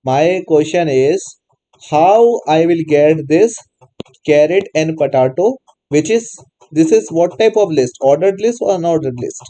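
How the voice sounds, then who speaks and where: Man, raised pitch, warm dark timbre, questioning teacher. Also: animated, unhurried, rough recording. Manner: prompts students repeatedly, non-native English phrasing. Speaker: programming teacher. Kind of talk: live online class, questioning students.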